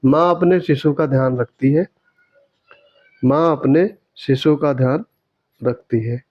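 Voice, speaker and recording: Man explaining exam answers, lo-fi. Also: mid-range voice. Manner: explanatory, repeats words slowly to correct them. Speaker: teacher.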